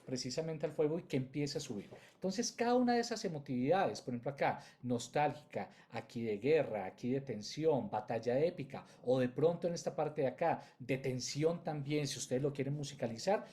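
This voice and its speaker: A man's voice: medium pitch, expressive, moderate pace, hardly any pauses, a little mellow. A man teaching an online class on film music, explaining in loose, chained phrases and addressing his students directly.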